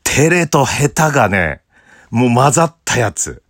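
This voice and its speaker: A man's voice: sing-song, measured pace, a bit bright, no echo, clean studio sound. A man hosting a casual solo talk show, reading listener letters and laughing at himself in a bashful way. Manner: bashful, laughs at himself, drifts between low murmurs and high bursts.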